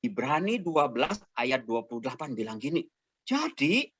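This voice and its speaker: A man's voice: medium pitch, big pitch swings, normal speed, a bit bright, dull audio, a little hiss or hum. A man, an evangelist telling a Bible story to kindergarten children, exclamatory and full of questions.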